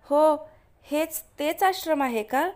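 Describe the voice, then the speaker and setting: A woman voicing a sulky, excitable young wife in a spoken story. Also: high-pitched, a little slow. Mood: excited. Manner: irritated, exclaiming.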